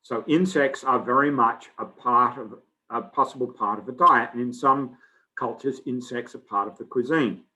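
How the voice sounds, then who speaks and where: A middle-aged man from Australia, giving a relaxed, conversational biology lecture full of fillers. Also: medium pitch, normal speed, rough recording. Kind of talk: recorded lecture.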